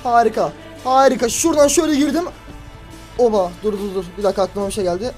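A man hosting a gaming video, commenting excitedly on his play, shouting and groaning at the game and tossing mock insults at opponents. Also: high-pitched, fast talker, faint music behind.

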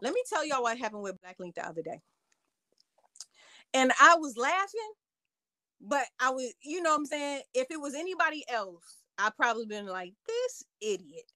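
A woman's voice: high voice, big pitch swings, fast talker, a bit bright, no room sound. A middle-aged woman hosting a casual livestream, playfully teasing and talking straight to her viewers. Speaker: livestream host.

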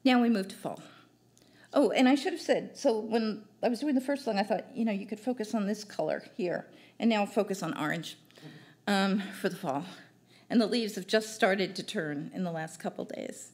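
An older woman reading her own poems at an open mic on a small cafe stage, in a gentle, measured recital into a stand mic. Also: medium pitch. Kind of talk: poetry reading. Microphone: stand mic at a distance.

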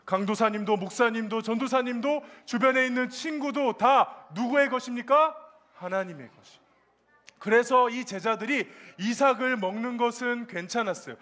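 A man preaching a lively children's sermon, asking the kids questions and acting out the people in the story. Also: very high voice, normal speed. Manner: lively, asks children questions, acts out quotes. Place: church children's service.

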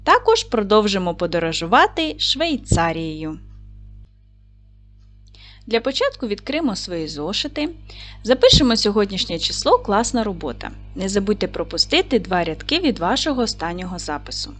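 A woman primary school teacher giving a recorded video lesson, speaking clearly and encouragingly to the children. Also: medium pitch, big pitch swings, moderate pace, soft background music. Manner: clear, encouraging classroom delivery.

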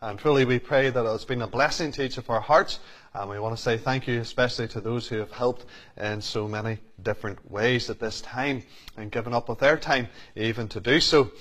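A pastor addresses his congregation in an earnest, prayerful way and repeats phrases to make sure they land. His voice sits at an ordinary middle pitch as he moves from thanks into a Bible reading. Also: steady tone, fairly quick, fairly bright tone.

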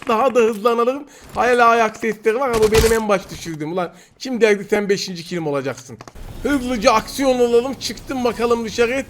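A young man giving excited gameplay commentary, teasing and trash-talking his opponents. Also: very high-pitched. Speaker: mobile game streamer. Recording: noisy game audio with gunfire. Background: gunfire and game sounds.

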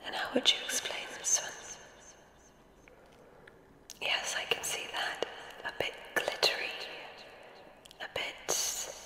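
This is a whispered ASMR roleplay featuring a kindly witch examiner, delivered slowly and tenderly in a soothing tone that offers soft praise.

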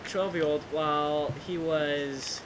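A man's voice: on the high side, fairly even intonation, slow, crowd noise, low-quality recording. A man hosting a casual chat with friends while they play an online drawing game, joking and insistent as he tells a story. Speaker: host who edits the video.

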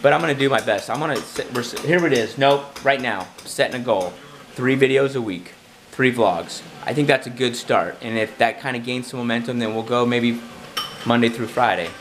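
A man with a raspy, hoarse voice from a cold, chatting casually and rambling a bit in a self-deprecating, jokey way to his vlog camera. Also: mid-range voice, normal speed, fairly bright tone, a little hiss or hum, low-quality recording. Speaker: vlogger.

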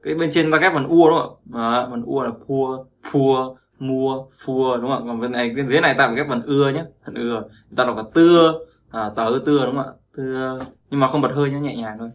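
Male language teacher, mid pitch, repeats himself, keeps checking in with listeners. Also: fast talker. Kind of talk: explaining pronunciation lesson.

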